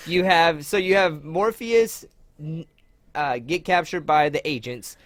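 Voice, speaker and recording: A man's voice: a little high, a bit bright, dry recording. Dry-sounding man recapping a film. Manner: halting plot recap, laughs easily. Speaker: podcast co-host. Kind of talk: casual movie-review chat.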